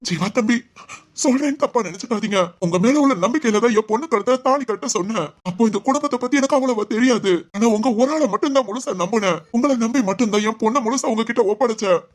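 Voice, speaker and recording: A woman's voice: a little high, fast, natural voice. Woman voicing a hurt, firm father. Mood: aggrieved. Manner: earnest, pleading. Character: middle-aged father of the bride, hurt and firm. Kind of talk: animated family drama voice acting.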